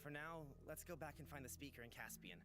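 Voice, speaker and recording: Man voicing Rain, a quiet, hesitant young lover. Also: fairly high pitch, quick pace, over music, natural voice. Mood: uneasy. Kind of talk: visual novel voice acting.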